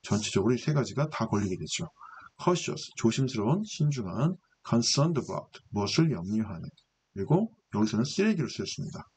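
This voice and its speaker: A man's voice: fairly low pitch, very animated, moderate pace, darkish tone, slight background noise. A man lecturing on English grammar and vocabulary, explaining patiently and asking and answering his own questions. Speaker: English reading teacher.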